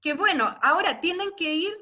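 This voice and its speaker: A woman's voice: extremely high pitch, animated, moderate pace, background noise. A woman, a literature teacher giving an online class and explaining patiently, with many check-ins to her students. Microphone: computer mic on video call. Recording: muffled video-call audio.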